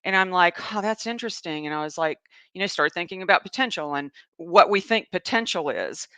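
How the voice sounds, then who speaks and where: Southern woman host, chatty and rambling, crisp bright tone, dry close mic. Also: on the low side, a little fast, dry recording. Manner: chatty, rambling, laughs often, reads viewer comments. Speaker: host, animal communicator. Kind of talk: casual live show chat. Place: home in Asheville.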